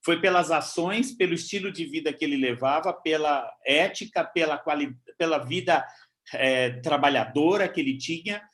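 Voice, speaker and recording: A man's voice: fairly high pitch, normal speed, fairly bright tone. A man of fifty hosting an interview, asking questions and stammering now and then. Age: 50s. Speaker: host. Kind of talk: casual interview talk.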